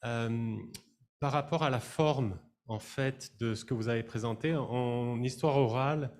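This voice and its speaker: A man's voice: medium pitch, unhurried, darkish tone. A man from the audience putting a spontaneous question to presenters, rephrasing as he goes. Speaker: audience member asking a question.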